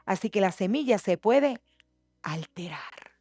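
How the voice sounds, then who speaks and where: Woman pastor, sermon delivery, slow and deliberate, hushed lows to fervent highs, dry close sound. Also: dry recording, soft background music. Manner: swings between soft hushed passages and loud impassioned preaching. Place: church.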